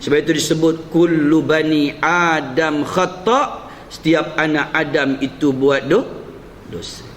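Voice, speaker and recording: A man's voice: fairly high pitch, unhurried, a bit bright. A man giving an evening lecture in a mosque, often addressing the congregation and playing with his intonation. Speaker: preacher. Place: mosque prayer hall. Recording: echoey hall with faint hum.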